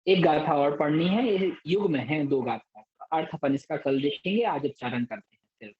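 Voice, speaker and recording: A male scripture teacher leading a pronunciation class, reciting each word of a verse slowly and twice, with brisk instructions in between. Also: a little high, highs cut off. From Madhya Pradesh, India. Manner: brisk spoken instructions between the chanted words.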